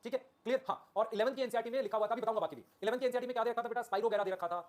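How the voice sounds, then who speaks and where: A man teaching a biology class live online, repeating key terms and asking "okay? clear?" while calling his students children. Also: very high voice, racing. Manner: addresses students affectionately as children.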